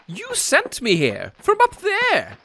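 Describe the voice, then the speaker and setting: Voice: sits high, wildly swooping pitch, slow, gravelly, sharp tone, a little hiss or hum, heavily acted. A performer voicing a cocky, breezy young adult male gander in a cartoon comic dub. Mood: eager, cocky. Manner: breezy, exclaiming. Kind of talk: amateur comic dub acting.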